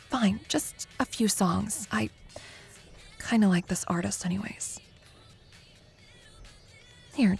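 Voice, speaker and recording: In an intimate audio roleplay, a young woman with a mid-range voice plays a competitive college student, a rival who teases and bristles but is secretly fond. She speaks haltingly, deflecting in a flustered way.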